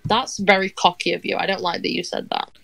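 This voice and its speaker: A woman's voice: fairly low pitch, flat delivery, fairly quick, creaky, fairly bright tone, low-quality recording. A woman chatting with a friend during a game, teasing him and laughing often. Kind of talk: casual chat while gaming.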